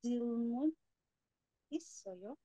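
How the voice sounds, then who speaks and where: A woman student on a video call, reading slowly and hesitantly in a faint, quiet voice. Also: fairly high pitch, lively intonation, no echo. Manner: hesitant, unsure, speaks faintly.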